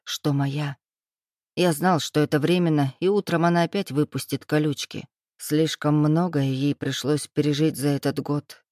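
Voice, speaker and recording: An audiobook reader narrating a first-person novel in an even, measured way. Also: mid-range voice, no room sound, studio quality.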